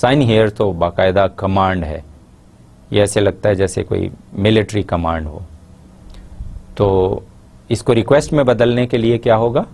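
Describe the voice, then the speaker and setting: A man with a Pakistani accent giving a lecture in Urdu, pausing to read out English example sentences slowly and carefully. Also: fairly low pitch, darkish tone. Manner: explains in Urdu, models English phrases slowly and deliberately. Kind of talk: classroom lecture.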